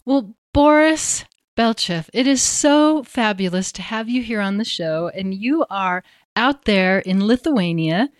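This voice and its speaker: A woman's voice: medium pitch, no echo, clean studio sound. A woman hosting a podcast, reading scripted intros and interviewing a guest in an upbeat, effusive way. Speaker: podcast host.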